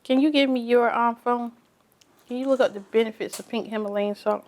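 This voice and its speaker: A vlogger chats casually while reviewing snacks, tasting the food as she talks and trailing off to restart her sentences. Her voice is on the high side and a little mellow, with fairly even intonation and a fairly quick pace.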